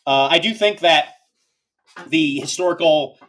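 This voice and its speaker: A man hosting a casual podcast, talking in an animated, rambling way with lots of filler asides. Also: on the high side, unhurried. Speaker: podcast host.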